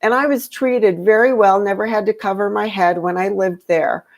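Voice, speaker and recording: A woman's voice: medium pitch, steady tone, moderate pace. A woman talking casually as a podcast guest, rambling with lots of fillers and restarts. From grew up in Europe. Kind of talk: casual conversation.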